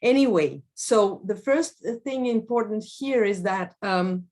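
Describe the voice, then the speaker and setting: A woman from Colombia giving an academic talk on a video call, speaking with many pauses, fillers and restarts. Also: medium pitch, darkish tone. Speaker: guest speaker.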